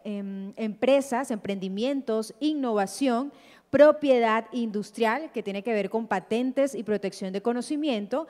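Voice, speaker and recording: Heard through the long reverb of a hall, a woman moderates a conference. Her voice sits a little high as she makes formal announcements and introductions. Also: a little mellow.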